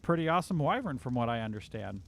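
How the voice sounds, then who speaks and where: A man's voice: medium pitch, very animated, fast talker, creaky. A man hosting a casual game livestream from home, chatting in an upbeat way and reading viewer comments aloud. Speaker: livestream host. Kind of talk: casual live-stream chat.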